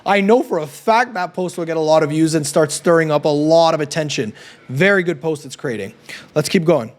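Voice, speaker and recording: A man from Canada, in his thirties, speaks straight to camera as a business coach. His voice sits high for a man. He drives each point home with emphatic, persuasive energy and tags lines with a quick "right?". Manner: emphatic and persuasive, often adds a questioning "right?". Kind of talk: direct-to-camera coaching talk.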